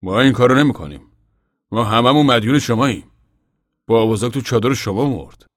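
A man's voice: mid-range voice, no echo, studio quality, voice pushed up, lightly acted. A man voicing a worried, earnest aging father in an audiobook reading. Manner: anxious, earnest. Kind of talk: audiobook character voice.

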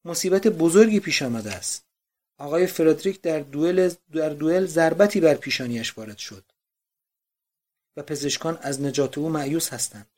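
Brief: narrator playing a terrified servant bursting in, raised and urgent voice. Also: male voice, fairly high pitch, lively intonation. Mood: urgent alarmed. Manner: loud, urgent announcing. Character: frightened male servant bringing bad news.

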